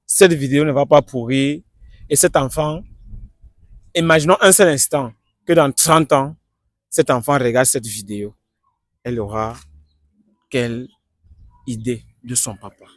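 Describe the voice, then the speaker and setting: A man conducting a street interview who talks in a halting, hesitant way, often restarting his sentences. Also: medium pitch, no room sound, clean studio sound. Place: outdoors on the street.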